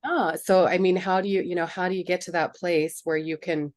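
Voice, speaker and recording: A woman's voice: on the low side, steady tone, brisk, no echo, studio quality. A woman hosting an interview, talking casually and hesitantly, searching for her words with many fillers. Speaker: interview host.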